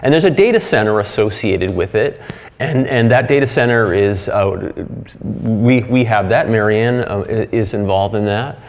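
Middle-aged man, lowish voice, hesitant lecture delivery, reverberant lecture hall. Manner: halting, many fillers and restarts. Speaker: keynote speaker. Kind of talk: conference talk.

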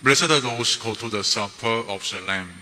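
A priest speaking the words of the Mass slowly and solemnly at the altar of a large church. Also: male voice, medium pitch, a crowd in the background. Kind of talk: liturgical speech at Mass. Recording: church hall reverb.

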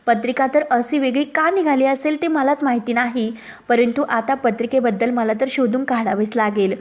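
Lady reading a middle-aged mom, earnest and firm, high voice. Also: fairly even intonation, normal speed, natural voice. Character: middle-aged mother of the household.

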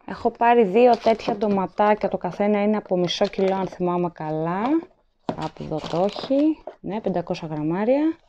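With lively intonation and a dark tone, this woman's mid-range voice narrates a casual haul vlog. Seated indoors at a table at home, she films her grocery items up close on a handheld phone, naming them and their weights. The audio is lo-fi, with slight background noise.

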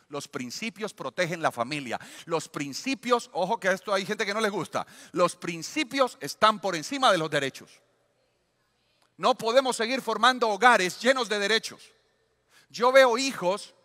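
Bright-voiced man preaching in a reverberant hall. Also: high-pitched. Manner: emphatic preaching, acting out parents and children. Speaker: pastor. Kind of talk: sermon.

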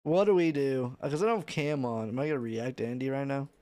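A man's voice: medium pitch, quick pace, warm tone, dry recording. A man streaming and chatting with viewers in a loose, mumbling way, heard through a livestream headset mic. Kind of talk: casual chat with viewers.

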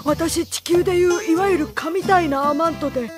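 Sorry alien mom-to-be in anime, super high, earnest plaintive confessing, music under it. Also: female voice, moderate pace. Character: earnest, apologetic alien single mother-to-be. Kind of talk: anime comedy acting. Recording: background music under the dialogue.

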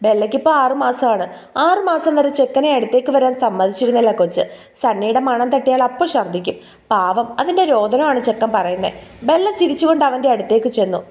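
A woman's voice: fairly high pitch, animated, quick pace, darkish tone. A woman narrating a romance audio story in an intimate, gossipy storytelling manner.

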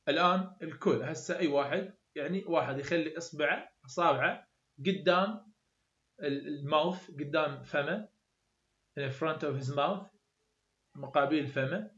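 Higher-voiced Iraqi male tutor, roomy lo-fi. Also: a bit bright. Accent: Iraqi Arabic. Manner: repeats example sounds over and over, plain explaining. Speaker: university English tutor. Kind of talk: explanatory lecture. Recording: roomy, dull lo-fi sound.

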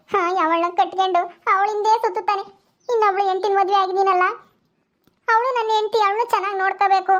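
A woman's voice: very high voice, fairly bright tone, lo-fi sound. A woman playing a weepy cast-out village wife. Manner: tearful, lamenting, sighs often. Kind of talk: village comedy skit.

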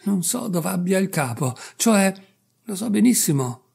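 A man's voice: high-pitched, big pitch swings, unhurried, creaky, darkish tone, breathy edge, voice pushed up, full character voice. A man doing a fawning, nervous barber. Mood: pleading. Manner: apologetic, wheedling, nervous. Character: anxious, fawning middle-aged male barber.

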